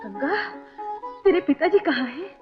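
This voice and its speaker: Tender, tearful mother; high voice; old film audio with score. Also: animated, normal speed, dull audio, soft background music. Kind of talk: 1960s film dialogue.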